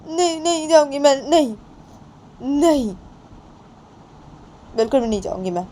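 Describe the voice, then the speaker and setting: Woman doing a high pleading young woman. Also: mellow, a little hiss or hum. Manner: high, raised, pleading refusals. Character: young woman, tearful and clinging to her aunt.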